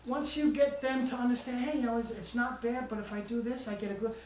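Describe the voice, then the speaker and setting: A woman dog trainer calmly explaining her training and patiently encouraging a dog with frequent praise. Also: fairly high pitch, fast, reverberant, recorded from a distance, slight background noise.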